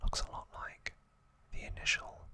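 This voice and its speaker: A man running an ASMR session murmurs a slow recap in short bursts, his hushed whisper breathy and unvoiced throughout.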